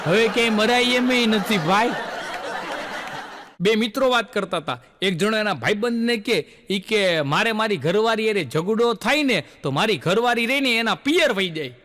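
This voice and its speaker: A man's voice: high voice, lively intonation, normal speed, a bit bright. A male stand-up comedian, telling folksy jokes and acting out the lines of his characters.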